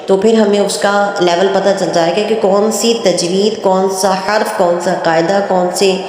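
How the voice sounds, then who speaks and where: A woman teaching Quran reading, explaining patiently and repeating each letter in a drawn-out chant. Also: medium pitch, steady tone, darkish tone. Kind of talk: step-by-step recitation lesson. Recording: very echoey room with long reverb.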